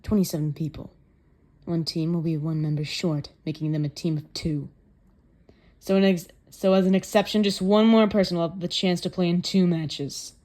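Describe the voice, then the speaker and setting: A woman's voice: lowish voice, dark tone, lightly acted. A woman voicing a stern, scheming male football coach who speaks in a cold, blunt, commanding way during a manga reading.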